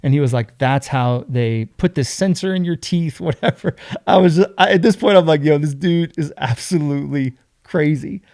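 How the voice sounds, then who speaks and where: Animated man telling a wild story. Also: on the high side, normal speed, dry recording, clean studio sound. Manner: animated, acts out other people's lines. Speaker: podcast guest. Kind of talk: casual storytelling.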